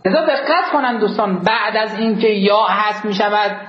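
A man teaching a grammar lesson to a class. He asks the students questions, answers them himself, and draws out the key words. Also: high voice. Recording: roomy, dull lo-fi classroom recording.

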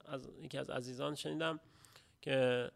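A middle-aged man giving a religious lecture, speaking haltingly with pauses and restarts, then rising to emphatic stresses. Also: medium pitch, fairly even intonation, gravelly.

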